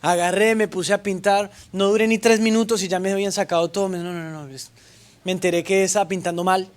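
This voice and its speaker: A man's voice: high-pitched, fairly even intonation, fast. A young man, a pastor, preaching a sermon and telling his story with playful asides and acted-out dialogue. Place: church stage.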